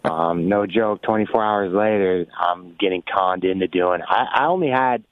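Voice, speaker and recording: A man's voice: low voice, normal speed, no echo. A man co-hosting a casual chat, telling stories in a rambling way with frequent restarts. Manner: rambling storyteller, restarts often. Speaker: podcast co-host. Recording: tinny phone-like line.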